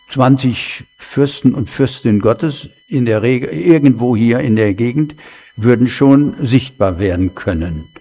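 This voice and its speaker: A man preaching a sermon in a slow, conversational way, with chatty asides to the congregation. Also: medium pitch, mellow. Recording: long hall reverb.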